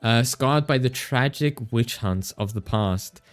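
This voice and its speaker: A man's voice: medium pitch, takes it slowly, faint music behind. A man streaming a game, chatting playfully with his chat, teasing and laughing, stumbling as he reads game text aloud. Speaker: VTuber streamer. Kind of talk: casual gaming livestream chat.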